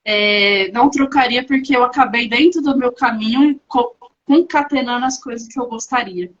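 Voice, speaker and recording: Brief: young Brazilian woman, quick and anxious podcast guest, fairly high voice, dull lo-fi recording. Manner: fast-talking, anxious and animated. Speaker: guest, doctoral student. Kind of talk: casual podcast chat. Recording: dull lo-fi sound.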